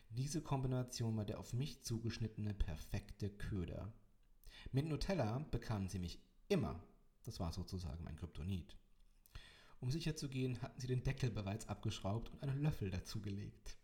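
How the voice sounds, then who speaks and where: A man's voice: lowish voice, dark tone. A man in his twenties narrating an audiobook in the first person, with dry, wry delivery. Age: 20s.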